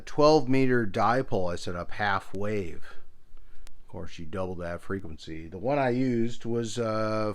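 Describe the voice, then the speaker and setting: A middle-aged American man with a lowish voice presents a hobbyist radio video, wandering casually through explanations and anecdotes with informal, self-deprecating humor. There is no echo on the recording.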